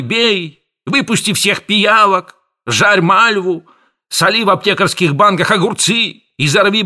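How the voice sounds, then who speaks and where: A man reading an audiobook, voicing a pompous middle-aged male pharmacist who rants and scolds in a loud, raised voice. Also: high voice, pitched above the performer's own voice, full character voice. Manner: shouting scolding tirade.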